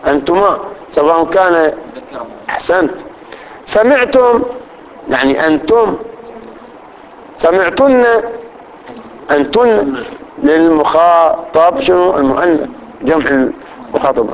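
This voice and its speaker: A man teaching grammar to a class, reciting lists of pronouns slowly and often checking that students follow. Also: on the high side, expressive, rough recording. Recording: faint background noise.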